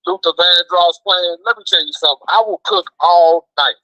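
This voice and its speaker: Here a high-voiced American man, a food truck cook calling into a show, keeps a steady tone at normal speed, sounding sharp. His casual chat and stories are slangy, emphatic and repetitive. The phone recording is dry and rough.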